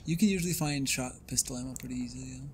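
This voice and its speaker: A man's voice: mid-range voice, rapid-fire, crowd noise. A young man co-hosting a horror game let's play, laughing easily and yelping at the scares. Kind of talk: casual gaming banter.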